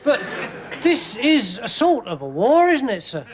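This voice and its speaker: An actor playing a dim-witted, earnest private with a Cockney accent, in a played-back TV comedy clip. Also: male voice, very high-pitched, huge pitch swings, exaggerated voice. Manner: slow, simple-minded earnestness. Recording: TV clip played back with loud background noise.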